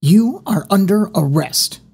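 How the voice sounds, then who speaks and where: A woman's voice: extremely low pitch, fairly even intonation, slow pace, husky, exaggerated voice. A woman reading an audiobook, voicing a serious male police constable with stiff, formal delivery. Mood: stern.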